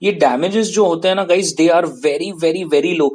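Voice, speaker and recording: A man's voice: a little high, normal speed, a little mellow. A man from India giving a lecture on contract law, switching between Hindi and English and often checking that his students follow. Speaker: law teacher. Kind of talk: classroom-style lecture.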